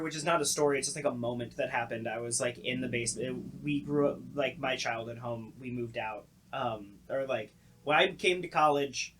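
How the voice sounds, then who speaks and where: A young man with a mid-range, slightly bright voice co-hosts a podcast, heard on a rough recording. In a casual storytelling chat he tells stories in loose, conversational language, slipping into acted-out reactions along the way.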